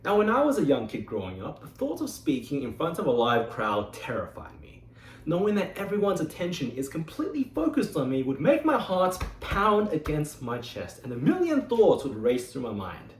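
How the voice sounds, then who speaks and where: This club member, a man in his 20s from Australia who grew up speaking Mandarin Chinese, gives a prepared speech in a slightly high voice. The echoey meeting room, his distance from the mic, and slight background noise color his lively, dramatic-paused storytelling.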